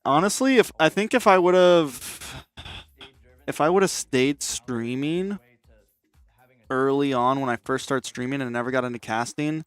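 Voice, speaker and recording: A man's voice: mid-range voice, smooth, dry recording. A man hosting a gaming watch party stream, chatting casually, joking and swearing freely with plenty of restarts. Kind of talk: casual chat.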